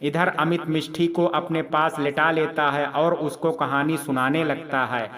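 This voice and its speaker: A man narrating a dramatic family story in a steady, descriptive storytelling manner. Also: a little high, a little slow.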